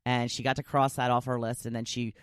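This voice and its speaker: An excitable woman hosts her podcast in a casual solo chat. She gushes, and she throws herself into voicing the people she quotes. The recording is close and dry, with no room sound. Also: extremely low pitch, brisk, smooth, dry recording. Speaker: podcast host.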